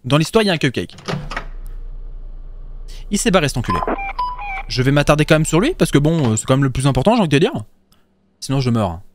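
Excitable man yelping through a horror game. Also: on the high side, fast talker, long pauses, background noise. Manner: excitable, swears, laughs, yelps in fright. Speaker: gaming video host. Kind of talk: horror game let's play commentary.

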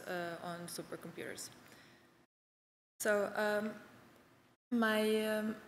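A woman in her thirties gives a keynote from a large conference stage, her voice carrying a gravelly edge. She talks haltingly, with frequent fillers and restarts. The sound is roomy with a long reverb tail and faint hall ambience. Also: mid-range voice, fairly bright tone, a little hiss or hum. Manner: hesitant, many fillers and restarts. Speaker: award-winning researcher giving keynote. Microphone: podium microphones.

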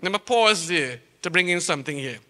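In a church sanctuary, a Trinidadian-accented man delivers a sermon in a slightly high, animated voice that is pushed and bright and fairly quick. He asks rhetorical questions and stretches key phrases to stress them, all under long church-hall reverb.

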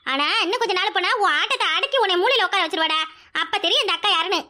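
A high-voiced performer playing a bitter, scornful widowed elder sister in a family-serial dub. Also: lively intonation, very fast, heavily acted. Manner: sharp, scornful.

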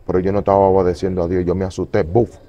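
A man in an interview giving a fervent, repetitive testimony, moving between loud pleading and low murmurs. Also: level tone, rapid-fire, muffled recording. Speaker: evangelist guest.

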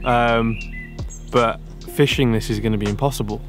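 A man's voice: mid-range voice, fairly even intonation, moderate pace. A young man vlogging outdoors by a lake, talking casually to a handheld camera with wry, self-deprecating asides. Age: young adult. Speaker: fishing vlogger. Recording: music bed underneath.

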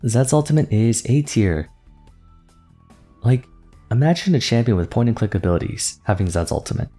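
Guy hosting a gaming vid, kinda hoarse, mellow tone, keeps changing his mind. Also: medium pitch, expressive, moderate pace, soft background music. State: losing his voice. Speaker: gaming video host. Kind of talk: casual unscripted commentary.

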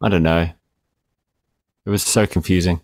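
Joking, rambling man with a lower voice. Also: steady tone, normal speed, darkish tone, dry recording, clean studio sound. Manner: joking, rambling with fillers and swearing. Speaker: film review podcast co-host. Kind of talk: casual banter.

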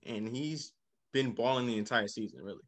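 A man hosting a casual basketball podcast, talking with quick bursts of enthusiasm. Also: medium pitch. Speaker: podcast host. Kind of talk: casual sports chat.

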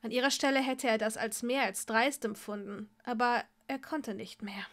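A woman reading fan fiction aloud in a steady storytelling voice. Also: fairly high pitch, normal speed. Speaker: story reader.

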